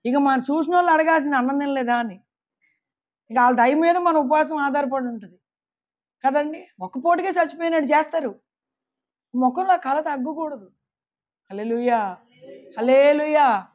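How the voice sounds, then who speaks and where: A woman's voice: high-pitched, normal speed, long pauses. A woman preaching a sermon to a women's meeting, emphatic, often calling out hallelujah and asking the listeners questions. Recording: dull lo-fi recording.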